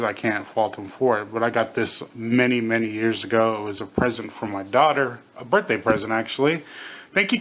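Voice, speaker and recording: Middle-aged man, bright voice, numb half-mouth slur. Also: mid-range voice, a little hiss or hum. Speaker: toy reviewer. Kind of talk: casual hands-on video review, unscripted.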